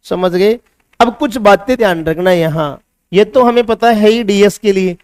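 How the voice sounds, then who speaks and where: A man's voice: high voice, moderate pace, a little mellow, dry recording, clean studio sound. A male chemistry teacher with a Hindi accent, giving a classroom lecture that mixes English science terms into Hindi and asks his students questions before answering them himself.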